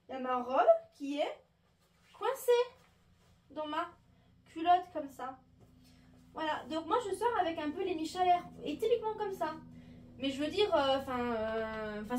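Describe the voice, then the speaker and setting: A woman telling a story to her viewers while sorting her clothes, chatty and animated. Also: sits high. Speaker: vlogger. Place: bedroom with wardrobe. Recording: echoey room, mic at a distance.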